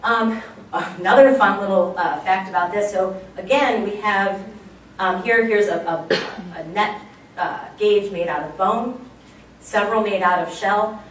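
Enthusiastic woman lecturer, casual with fillers, recorded from afar in a roomy hall with faint noise. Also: mid-range voice. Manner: chatty and enthusiastic, many fillers. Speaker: archaeology lecturer. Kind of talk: public slide lecture. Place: lecture room, recorded from far off. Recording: very echoey room, distant mic, faint background noise.

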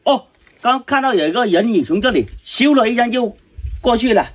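A man's voice: very high-pitched, animated, brisk, slightly rough, heavily acted. A man in his thirties playing an easygoing, crafty villager in a rural comedy skit. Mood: puzzled, feigning innocence. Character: easygoing male villager, crafty protector of a stranger. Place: outdoors at a village house doorway.

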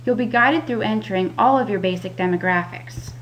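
A woman delivers scripted instructional narration as a patient educator. Her voice sits at a medium pitch. Faint noise and a hum sit behind her. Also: brisk, poor audio. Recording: audible background noise with hum.

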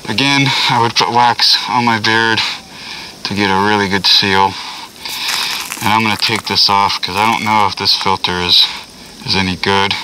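A man's voice: lowish voice, moderate pace. A man from Tennessee, talking casually through a gas mask and its voice amplifier as he demonstrates gear, in a rambling, offhand way. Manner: rambling, offhand, loose fillers. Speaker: gear reviewer. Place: outdoors. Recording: distant with steady noise.

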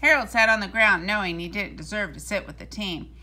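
A woman with a mid-range voice reads a children's storybook aloud, deliberate and expressive in her storytelling.

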